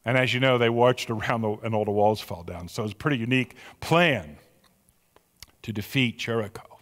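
A man's voice: medium pitch, normal speed, a bit bright. A man preaching an expository sermon, stretching key words for emphasis and putting rhetorical questions to his listeners. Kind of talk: expository sermon with scripture reading. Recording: long hall reverb.

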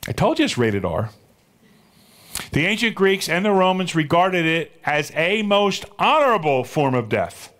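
Higher-pitched man preaching a sermon. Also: very animated, measured pace, a bit bright. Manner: storytelling preacher, rhetorical questions. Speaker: pastor.

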